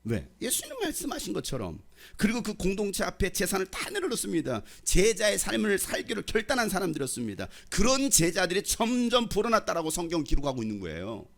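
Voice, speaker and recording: Pastor, male, middle-aged; animated, gravelly sermon delivery, slightly high voice, banters with the congregation. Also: quick pace, few pauses. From Jeolla, South Korea. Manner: lively preaching, quizzes and teases the congregation.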